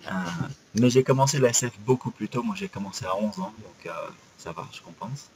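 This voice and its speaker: A man, co-hosting a casual podcast chat with a relaxed, chatty manner and frequent hesitations. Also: fairly low pitch, brisk, noisy background. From France, Paris. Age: 40s. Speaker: podcast co-host.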